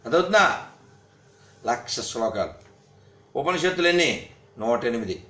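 A man's voice: medium pitch, very animated, measured pace, a bit bright. A man giving a scolding religious talk, firing rhetorical questions at his listeners. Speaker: religious speaker. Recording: roomy echo.

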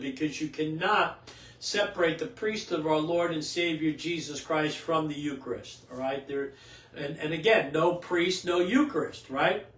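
Older male priest, fairly high voice, steady reading, then a loose homily, distant and echoey. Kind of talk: scripture reading and homily at Mass. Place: small indoor home chapel. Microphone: camera a few feet away. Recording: roomy echo, distant from the mic.

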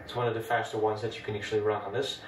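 Here the Dutch-accented host's voice sits lowish, and he talks in a rapid-fire way while casually demonstrating an old computer step by step among other vintage machines. He stays relaxed and chatty. There's a bit of hiss or hum, and the distant mic catches an echoey room.

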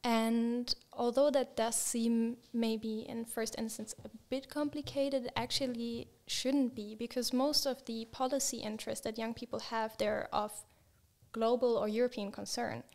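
A young woman answering in an interview, explaining in a measured way into a podcast mic. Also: a little high, flat delivery, a little mellow. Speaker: guest. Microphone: podcast mic on stand, headphones.

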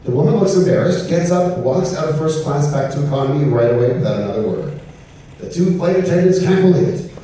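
A man's voice: fairly high pitch, animated, quick pace, mellow. An upbeat middle-aged man working a theater crowd as a cruise director, making announcements and telling jokes with a showman's delivery. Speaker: cruise director and stage host. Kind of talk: stand-up joke telling and announcements to a live audience. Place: large indoor theater stage. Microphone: handheld mic through PA, recorded from audience. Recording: echoey theater PA, distant, noisy.

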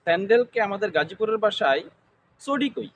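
Interviewee, man, gazipur bengali accent, high voice, slow short answers. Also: lively intonation, fairly bright tone, slight background noise. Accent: Gazipur Bengali dialect. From Gazipur, Bangladesh.

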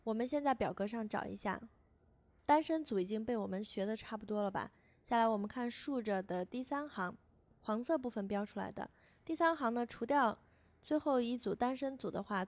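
A woman teacher narrates a beginner lesson with a somewhat high voice. She repeats each syllable slowly and patiently so learners can follow. The recording is dry and close, with no room sound. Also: dry recording. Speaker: language teacher. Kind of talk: scripted lesson voice-over.

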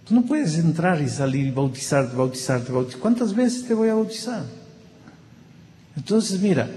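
A man's voice: on the high side, dark tone, in a large hall, a little hiss or hum. A man playing a stern, firm pastor. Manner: firm, admonishing.

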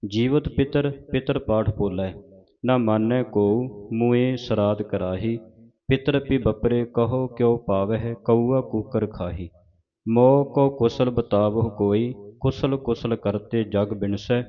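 A man with a Punjabi accent reciting scripture verse by verse as a teacher, pausing to correct pronunciation. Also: mid-range voice. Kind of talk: slow measured recitation lesson. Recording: dull lo-fi recording.

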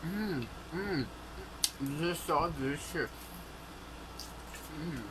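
Slow Filipino-accented vlogger chewing while talking. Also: medium pitch, animated. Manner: chatty, hums "mm" between bites. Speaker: mukbang vlogger. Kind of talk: casual chat while eating on camera. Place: indoor room with air conditioner. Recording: air conditioner noise behind.

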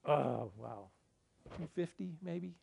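Taking it slowly, a middle-aged man explains a projected slide in an indoor conference room during a lecture with audience Q&A. His slightly high, darkish voice is animated, with vocal fry and a breathy edge, and his manner is conversational and self-mocking.

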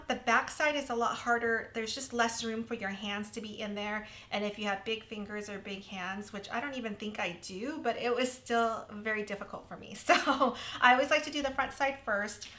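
A woman hosting a casual crafting tutorial, chatty and self-deprecating, with a slightly hoarse voice. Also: a little high, sharp tone. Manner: chatty, self-deprecating, laughs at her own mistakes. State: slightly hoarse, losing her voice.

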